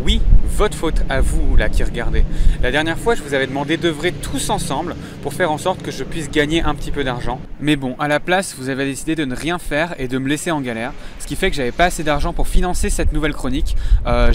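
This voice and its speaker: A man's voice: fairly high pitch, brisk, noisy background. A young French man with a French accent, delivering a mock-serious, self-mocking comic monologue outdoors on a city street. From France. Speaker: comedy vlogger.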